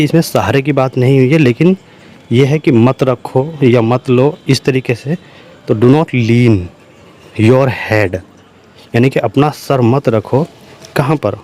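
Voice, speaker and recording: A man teaching everyday English sentences with explanations in Hindi, repeating each English phrase slowly. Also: medium pitch, darkish tone. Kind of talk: slow spoken language lesson.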